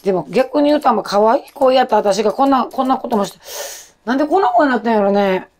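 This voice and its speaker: A woman in her forties with a Kansai accent and a loud, rough-throated voice, chatting in a rambling, self-deprecating way while she cooks. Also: on the high side, animated, fast talker. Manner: chatty, self-deprecating, jumps between topics. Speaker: cooking vlogger. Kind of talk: casual chat while cooking.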